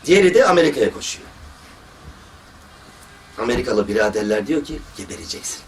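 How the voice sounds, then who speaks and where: In a medium-pitched voice at a brisk pace, a surgeon tells work stories as part of a religious talk, quoting people with energy. A distant microphone catches him along with faint background noise.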